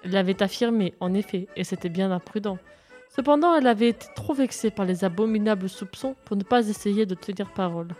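A woman narrating a children's adventure story aloud in a steady, clear reading voice. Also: mid-range voice, brisk, soft background music.

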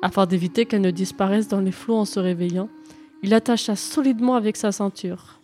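A woman narrating a fairy tale in calm, even storybook reading. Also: mid-range voice, brisk, faint music behind.

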